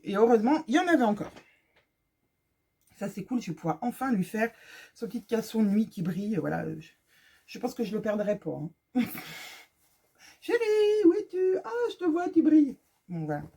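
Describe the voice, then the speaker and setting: A woman's voice: on the high side, warm tone, husky. A woman chatting casually to her viewers in a sewing fabric haul vlog, joking as she shows each fabric, recorded on her phone. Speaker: sewing vlogger. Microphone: phone camera.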